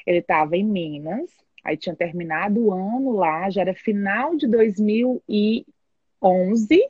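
Woman telling her story, husky voice, plays out both sides of the talk, kinda muffled dry recording. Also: medium pitch, no room sound. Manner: lively narrator acting out both sides of the dialogue. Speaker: guest telling her testimony. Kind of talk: animated personal storytelling. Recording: slightly dull, muffled recording.

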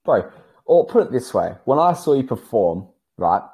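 A young man hosting a podcast, chatting in a relaxed, laid-back way. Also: mid-range voice, moderate pace. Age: young adult. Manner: relaxed, laid-back, calls guest bro. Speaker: podcast host. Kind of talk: casual interview chat.

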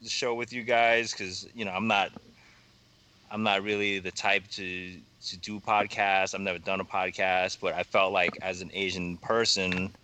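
A young man talking as a podcast guest in a halting, rambling way, full of fillers and swearing. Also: low voice, little pitch movement, sharp tone. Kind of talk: casual podcast conversation.

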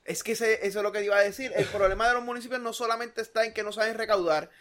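A man's voice: high-pitched, steady tone, racing, fairly bright tone. A man with a Puerto Rican accent in a casual political chat, blunt and sarcastic, swearing as he talks.

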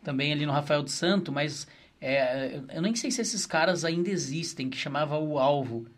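A man hosting a casual podcast chat, talking informally. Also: a little high. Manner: quick, informal, says cara often.

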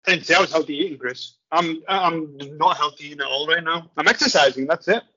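A fairly high, bright, tense-voiced man in a podcast chat, teasing and chatty, talking between bites of food. Dry, slightly dull call audio. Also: fast. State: eating while talking. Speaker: podcast co-host. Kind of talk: casual chat. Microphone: online call mic.

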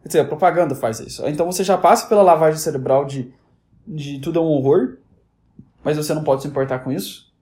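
A man's voice: on the high side, fast talker, dark tone. A man, ranting casually and animatedly, rambling with frequent restarts. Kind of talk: casual rant.

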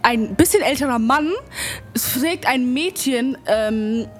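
A woman's voice: high voice, animated, slow, soft background music. A young woman co-hosting a podcast, chatting casually in a slangy way. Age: young adult. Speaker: podcast co-host.

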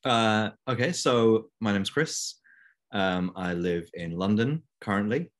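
Young male guest, low voice, rambling easy chat, video call. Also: slow pace. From Belgium. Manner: chatty, many fillers. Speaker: interview guest. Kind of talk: casual conversation.

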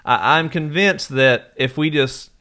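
A man co-hosting a casual podcast, self-deprecating and halting, telling nerdy jokes at a desk mic. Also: fairly high pitch, pushed and bright. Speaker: podcast co-host. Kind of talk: casual chat.

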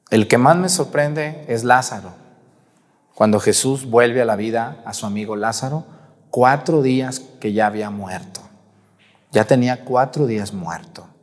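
Animated preacher in reverberant hall. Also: male voice, medium pitch. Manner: storytelling, animated, asks the audience questions. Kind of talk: sermon.

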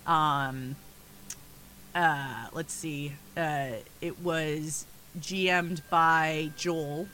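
A young woman with a low-set but bright, forceful tone tells a story slowly and casually. Her delivery is chatty, with laughter breaking in. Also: fairly even intonation, slight background noise. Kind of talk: casual chat.

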